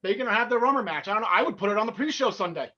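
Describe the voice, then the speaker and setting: Muffled, lo-fi audio captures a North Jersey podcast co-host rattling off his take on the show during casual wrestling talk. He's excitable and fast-talking, with stumbling restarts, and his voice sits high with a bright, edgy quality.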